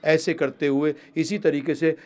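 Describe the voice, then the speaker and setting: A male spiritual teacher delivering a sermon in a fairly high voice. He is animated, rising to emphatic high-pitched calls and then dropping to low, quick asides, and he addresses listeners as "prabhu ji". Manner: ends with devotional sung calls.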